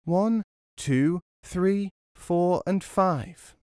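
A man voicing a small, clever, cheeky boy who shouts in a high squeaky voice. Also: very slow, clean tone, dry recording, clean studio sound. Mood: shouting.

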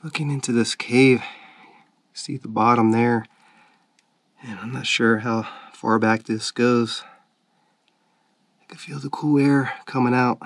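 A man narrates his own hiking vlog from outdoors in a forest. He speaks in a calm, steady, careful way, and his voice sits at a middle pitch. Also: a little slow, pauses often, dry recording. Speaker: hiking vlogger.

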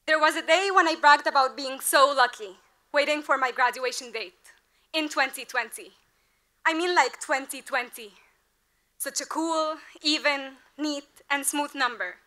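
A young woman in her twenties gives a commencement speech at an outdoor podium. Her voice is high and bright, and her delivery is earnest and rhetorical, rising to emphatic peaks. She speaks into a podium microphone. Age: 20s. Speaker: graduating class representative. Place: large outdoor ceremony at a podium. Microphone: podium mic.

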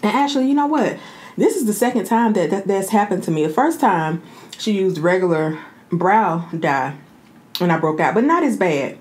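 An American woman in her thirties chatting casually as a mukbang host, talking while eating and pausing to chew. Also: medium pitch, lively intonation, a little mellow. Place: indoor room.

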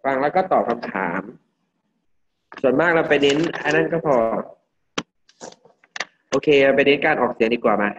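Male teacher, from Thailand, pronunciation drill, slow deliberate delivery, dull lo-fi classroom recording. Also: a little high, background noise. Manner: drills words slowly, repeating each one for the class. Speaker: English teacher. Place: classroom with students.

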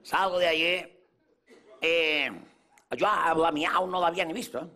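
Performing in character as a bragging self-proclaimed latin lover, this Mallorcan-accented comic works a café crowd whose laughter carries through the clip. He speaks at a moderate pace in a slightly high, pushed, bright voice with fairly even intonation.

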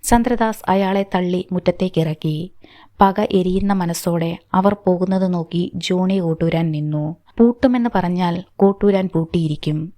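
A woman storyteller giving a measured, scripted audiobook narration of a novel. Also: fairly low pitch, dark tone, no echo, studio quality.

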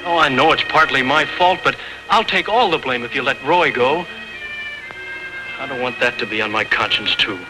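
A man's voice: mid-range voice, animated, normal speed, lightly acted, rough recording. An actor playing an earnest, pleading young man mixed up with outlaws in a 1940s western film. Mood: desperate, pleading. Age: young adult. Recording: old 1940s film soundtrack with music.

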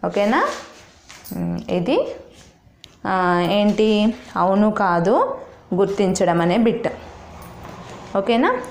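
A woman teacher with a Telugu accent talks to young pupils at an unhurried, deliberate pace. She reads each sentence aloud slowly, then checks with the children through a string of questions. Her voice rings in an echoey room. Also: mid-range voice, very animated, slight background noise. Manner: asks children many rhetorical questions. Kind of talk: primary school lesson.

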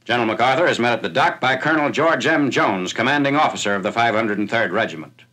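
A man reading a scripted wartime newsreel narration in a formal, measured announcing manner, heard on an old 1940s newsreel soundtrack. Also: mid-range voice, lively intonation, sharp tone. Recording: noisy, hissy 1940s newsreel film soundtrack.

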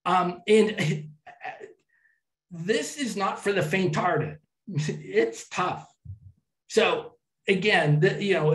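A man giving a public talk to an audience and telling travel stories in a chatty way, with some restarts. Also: on the high side. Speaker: travel speaker. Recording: echoey hall from far off.

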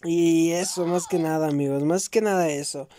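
A young man with a Mexican accent, chatting casually with his viewers while he plays, slangy and swearing, with sudden loud outbursts at the game. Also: on the high side, steady tone, moderate pace, a little hiss or hum. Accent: Mexican Spanish. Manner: slangy and swearing, keeps saying bros. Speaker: gaming YouTuber. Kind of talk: casual gameplay commentary vlog.

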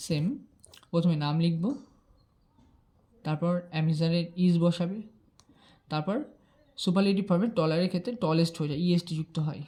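With a lowish, warm voice, this woman patiently explains grammar rules one step at a time. As an English grammar teacher, she blends English terms into Bengali and keeps asking "ঠিক আছে?" to make sure her students are keeping up.

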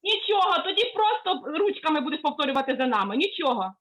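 A woman music teacher leading an online lesson for children over a video call, coaxing and praising them as she gives gentle instructions. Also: high voice, sing-song, fast, poor audio.

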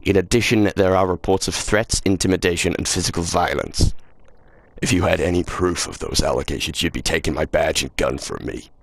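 A man's voice: sits low, fairly even intonation, fairly quick, no room sound. A man reading game dialogue aloud while alternating between two voices, one of them a vaguely British-sounding official. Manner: swears casually. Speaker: let's play gamer.

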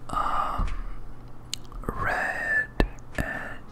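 A gaming video host whispers an ASMR playthrough of a video game extremely slowly, close to the microphone. They think aloud in a hesitant, absent-minded way over a noisy background.

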